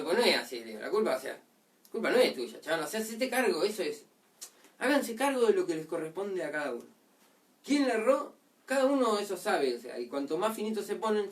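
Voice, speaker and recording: A man with an Argentine Spanish accent, a drywall contractor giving a slangy, animated casual talk to his workers. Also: sits high, distant mic.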